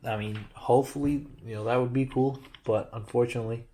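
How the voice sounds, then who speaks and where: A man with a medium-pitched, mellow voice talks briskly in a steady tone. He holds a toy building set up to a handheld camera for a close-up and casually reviews it, rambling, correcting himself and cracking jokes along the way.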